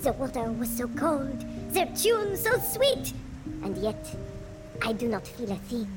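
High-voiced, melodramatically stoic lady flea. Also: big pitch swings, measured pace, loud music behind the voice. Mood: solemn, dramatic. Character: melodramatic stoic female flea performer, secretly overemotional. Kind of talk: comedy sketch acting.

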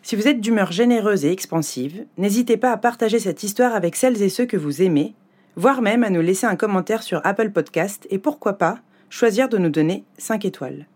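A woman reading the cast and credits of a podcast in a friendly, even way. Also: medium pitch, fairly quick. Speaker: podcast announcer. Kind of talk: scripted credits narration.

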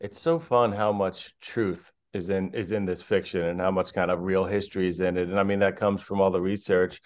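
A man's voice: deep voice, fairly even intonation, fairly quick. A man interviewing an author, asking questions and giving short replies that show he agrees.

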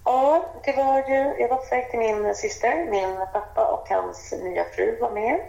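Gravelly-voiced woman, lively storyteller. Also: on the high side, soft background music. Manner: lively and animated, acts out the voices of people in her story. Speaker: interview guest. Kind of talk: casual storytelling. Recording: dull, roomy radio sound.

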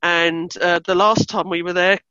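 A woman's voice: on the low side, fairly even intonation, normal speed, sharp tone, no room sound, lo-fi sound. A woman with an Essex English accent chatting casually on a podcast as a Formula One fan. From Essex, England.

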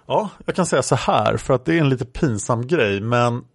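Young woman witness, read by a man, flat transcript reading, gravelly voice, dry sound. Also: mid-range voice, no room sound. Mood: recounting. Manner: flat reading of transcript lines, speaker labels read aloud. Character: young woman witness recounting a café encounter.

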